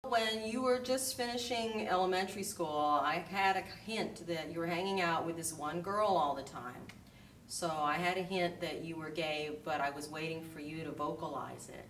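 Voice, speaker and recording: Woman in her 50s talking to her kid, low voice, echoey room, faint hiss. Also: moderate pace, a bit bright. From Washington State. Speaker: interviewee, parent. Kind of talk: candid family interview. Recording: roomy, distant mic with faint hiss.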